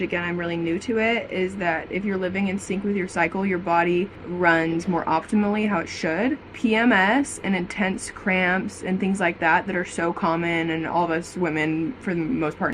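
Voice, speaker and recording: A woman's voice: on the low side, rough recording. A young adult woman chatting casually and informally to camera as a vlogger. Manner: informal, conversational. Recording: clear background noise.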